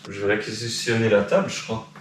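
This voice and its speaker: A man's voice: on the low side, fast, heavy background noise. A young man vlogging as a music producer, chatting casually to the camera with lots of fillers. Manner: relaxed, chatty, with frequent fillers. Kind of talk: casual vlog talk to camera.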